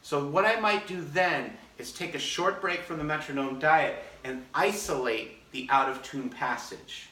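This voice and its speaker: A man's voice: on the high side, measured pace, few pauses, sharp tone, slight background noise. Man explaining practice methods in an echoey room. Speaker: orchestra concertmaster. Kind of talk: casual practice demonstration. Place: practice room, filmed on a phone. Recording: echoey room, mic at a distance.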